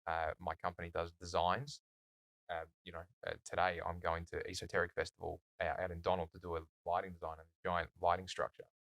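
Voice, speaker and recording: Male guest, very low voice, measured and reflective, dry mic. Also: monotone, a bit bright, no echo, rough recording. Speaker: guest, circus company founder. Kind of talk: casual conversational interview.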